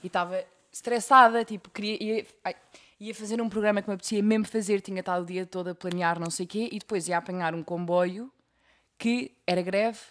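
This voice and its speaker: A young woman with a European Portuguese accent, co-hosting a casual podcast and telling stories in an animated way, acting out the voices she quotes. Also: medium pitch, fairly quick. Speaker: podcast co-host. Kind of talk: casual chat.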